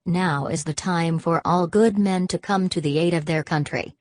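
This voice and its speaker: A calm, synthetic text-to-speech voice of a woman, reading evenly like a computer. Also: fairly low pitch, normal speed. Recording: played back from speakers, off-mic.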